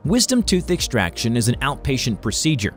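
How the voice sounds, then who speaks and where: Man narrating with lively intonation over music. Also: mid-range voice, fairly quick. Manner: formal, instructional. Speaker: narrator of a medical explainer. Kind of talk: scripted educational narration.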